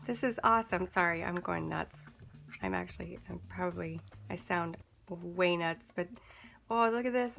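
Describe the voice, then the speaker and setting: A young woman opens a package on her channel and gushes over every item, giggling as she goes. She speaks slowly and lingers over her words, with soft music playing behind her. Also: medium pitch, vocal fry. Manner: gushing, excitable, breaks into giggles. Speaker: art supply vlogger. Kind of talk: casual unboxing vlog.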